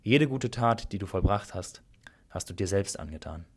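A man reading the lines of a calm, all-knowing creator god in a spoken story, slow and explaining, with a low husky voice. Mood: solemn.

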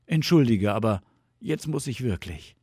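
A man doing a drowsy, gentle bear. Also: mid-range voice, animated, normal speed, slightly rough, no room sound, studio quality. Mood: sleepy. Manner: drowsy and easygoing. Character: sleepy, good-natured big male bear. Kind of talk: storybook reading.

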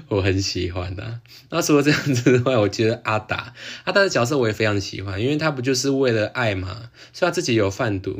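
A man with a Taiwanese Mandarin accent hosting a casual solo podcast chat, excitable, full of exclamations and laughing often. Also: mid-range voice, slightly rough. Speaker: podcast host.

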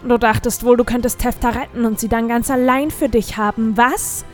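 A woman's voice: fairly high pitch, steady tone, normal speed, soft background music, natural voice. A woman voicing a mocking, vengeful male goat demon in an audiobook, with a taunting, gloating manner.

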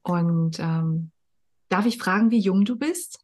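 A woman's voice: fairly low pitch, slow, darkish tone. A woman hosting an interview, gushing and often hesitant, with many fillers. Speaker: interview host. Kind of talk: casual interview chat.

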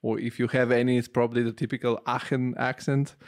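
A man's voice: mid-range voice, level tone, moderate pace. A man hosting an interview in a casual, informal and joking conversational way. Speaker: interview host.

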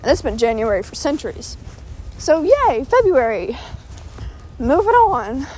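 A woman's voice: on the high side, sing-song, moderate pace, darkish tone, a little hiss or hum, low-quality recording. A teenage girl chatting casually while walking around her neighborhood, rambling with lots of filler words and a bit out of breath. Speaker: vlogger. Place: outdoors walking through a neighborhood.

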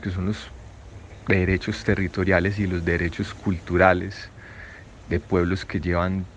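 A man's voice: low voice, highs cut off, a little hiss or hum. A man commenting on a radio show, reflective, with many hesitant fillers. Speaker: guest commentator.

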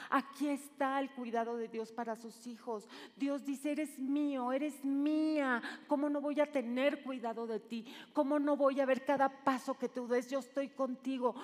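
Woman, middle-aged, sermon, dramatic loud-to-hushed delivery, long hall reverb. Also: a little high. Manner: dramatic, swings from loud calls to hushed shushing. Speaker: preacher.

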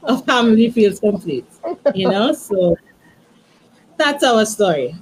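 A woman guest in her thirties shares a personal story in a soft, halting voice, often restarting and reaching for words. Her voice sits at a middle pitch, and faint background noise sits under it. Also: sing-song, poor audio. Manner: soft, halting, many restarts and "you know". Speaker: guest, author.

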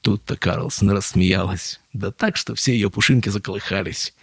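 A man narrating a children's audiobook in an expressive, playful reading. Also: on the low side, moderate pace, creaky, husky, dry recording, studio quality. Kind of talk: audiobook storytelling.

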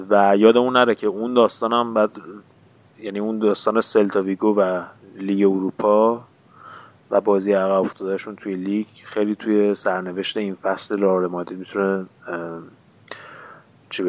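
Lower-voiced male podcast co-host, relaxed and hesitant, gropes for words as he talks football. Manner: hesitant, searching for words with many fillers. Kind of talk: casual football chat.

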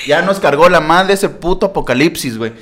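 Young Mexican man, slightly high voice, casual storyteller, lots of slang. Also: a little fast. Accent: Mexican Spanish. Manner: slangy, animated, laughing retelling. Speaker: storyteller in a group podcast.

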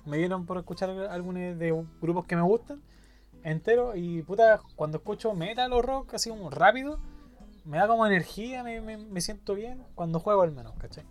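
A young man with a Chilean accent, joking around and swearing freely in casual chat. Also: high-pitched.

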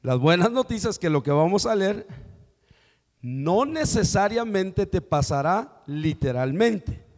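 A man preaching a sermon, telling stories and acting out dialogue with lively questions to the congregation. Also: high-pitched, slow. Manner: animated storytelling, acting out dialogue. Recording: long hall reverb.

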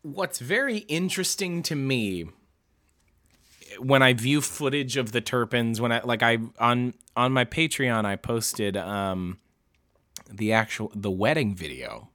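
Bright-voiced man in halting, heartfelt commentary. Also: mid-range voice, lively intonation. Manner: halting, with many restarts and swearing. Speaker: podcast host reading a true-crime book. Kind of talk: emotional casual commentary.

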